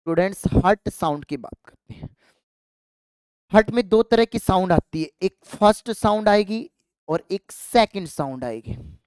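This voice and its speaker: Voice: mid-range voice, a little mellow, smooth, no room sound, clean studio sound. A biology teacher giving an exam-prep lecture, asking students questions, answering them and repeating key terms as memory drills while calling them affectionate names. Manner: calls students affectionately "child" and "dear kids"; mixes English science terms into the talk.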